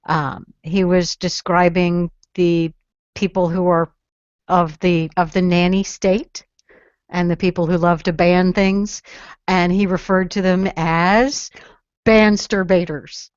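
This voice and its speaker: A woman's voice: lowish voice, steady tone, takes it slowly, smooth, no echo. Chatty, giggly female co-host. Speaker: podcast co-host. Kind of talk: casual political podcast chat. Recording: dry, dull lo-fi sound.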